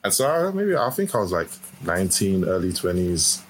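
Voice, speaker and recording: A man's voice: low-pitched, very animated, a little fast, noisy background. A young man talking reflectively in a casual chat with friends, often stopping to restart his sentences.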